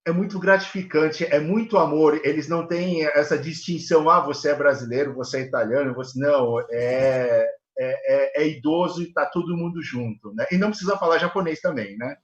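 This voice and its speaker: A man, a guest in a live interview, speaking earnestly and haltingly with many fillers. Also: on the high side. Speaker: guest, elder care manager. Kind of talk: live video call interview. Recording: echoey, dull video call audio.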